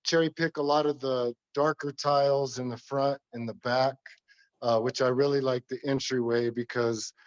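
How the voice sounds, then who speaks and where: A man with a slightly hoarse voice, talking casually and haltingly as a tile installer walking someone through his work. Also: mid-range voice, steady tone, highs cut off. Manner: hesitant, halting. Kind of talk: casual informal walkthrough talk.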